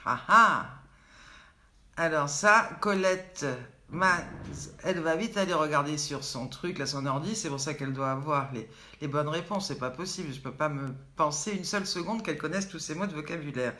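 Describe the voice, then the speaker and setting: Her voice is deep and sharp-toned, delivered at a normal speed. This older woman hosts a daily live online show, playfully quizzing the audience and reading viewers' names and comments, all in an echoey room.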